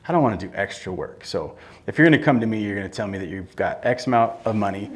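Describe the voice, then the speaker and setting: A man's voice: lowish voice, animated, fast talker. A middle-aged man, a builder who owns his company, answering interview questions on stage in a blunt, plain-spoken way. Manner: blunt, plain-spoken, restarts mid-sentence. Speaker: construction company owner, guest. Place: event room with audience.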